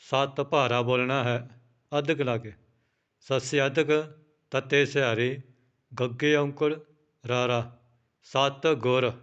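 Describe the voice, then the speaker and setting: A man teaches scripture pronunciation at a very slow, patient pace. His voice is smooth and clear, and he spells each word out letter by letter before saying it again. The recording sounds a little dull and lo-fi. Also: mid-range voice, steady tone, a bit bright. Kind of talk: slow, careful recitation lesson.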